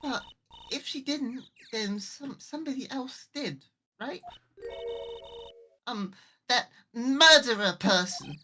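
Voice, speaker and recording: A woman's voice: a little high, animated, takes it slowly, long pauses, pushed and bright, a little hiss or hum, voice pushed up, full character voice. A woman doing a polite little girl. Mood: earnest. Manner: innocent, formal, polite. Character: polite earnest eight-year-old girl. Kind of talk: fan voice-over of a game.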